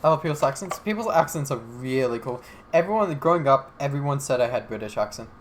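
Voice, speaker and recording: This is another casual podcast moment from the young Alabama co-host, now fast and expressive in a mid-range voice, kidding around, swearing, and rambling. There's slight background noise.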